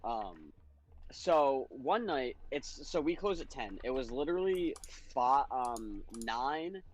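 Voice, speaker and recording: A man's voice: medium pitch, sing-song, slow pace, low-quality recording. A young man chatting casually on a game stream, blunt and swearing freely as he complains. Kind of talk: casual chat while gaming.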